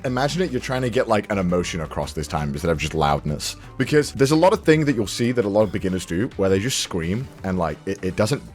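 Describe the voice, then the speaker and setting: A man coaching a friend in voice acting, coaxing and animated, with plenty of swearing. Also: fairly low pitch, fast, hardly any pauses, soft background music. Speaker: voice acting teacher. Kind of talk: casual coaching.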